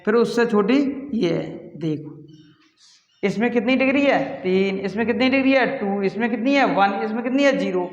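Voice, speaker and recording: Guy teaching maths, really high voice, keeps quizzing students then answering himself, long echo, dull muffled audio. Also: a bit bright. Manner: asks students questions and answers them himself; repeats instructions patiently. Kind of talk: classroom maths lesson. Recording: roomy, echoey, dull lo-fi recording.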